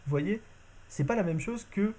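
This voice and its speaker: A man's voice: high-pitched, lively intonation, moderate pace, mellow. A man teaching a constructed language in a casual video lesson, talking informally and often correcting himself mid-sentence. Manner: informal, self-correcting, lots of fillers.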